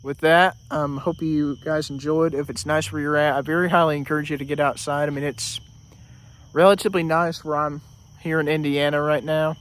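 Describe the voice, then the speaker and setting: A man's voice: on the high side, flat delivery, brisk, fairly bright tone. A man vlogging outdoors in a casual, rambling way, full of fillers and restarts, a little out of breath. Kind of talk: casual vlog talk.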